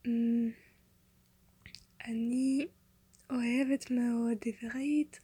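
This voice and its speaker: A young woman, a non-native Hebrew speaker with a foreign accent, introduces herself in simple, hesitant phrases, searching for words in a breathy voice. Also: a little high, flat delivery, warm tone, dry recording. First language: not a native Hebrew speaker. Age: young adult. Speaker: language learner, university student. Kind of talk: simple self-introduction in a learned language.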